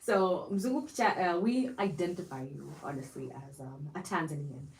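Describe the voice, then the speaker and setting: A woman's voice: lowish voice, moderate pace, far from the mic. A woman hosting a casual interview, curious and asking probing questions with short prompts. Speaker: show host. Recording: echoey room with faint noise.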